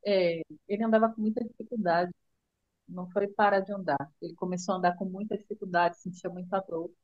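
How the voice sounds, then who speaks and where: A middle-aged woman with a Brazilian Portuguese accent, telling her son's illness story in a tender, halting way with many restarts. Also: medium pitch, fairly even intonation, dry recording, muffled recording. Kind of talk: emotional personal storytelling.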